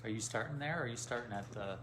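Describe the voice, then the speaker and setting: A man's voice: mid-range voice, rapid-fire, a bit bright, slight background noise. A man on a live-stream crew, tossing in dry, offhand remarks. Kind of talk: casual chat. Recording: roomy echo.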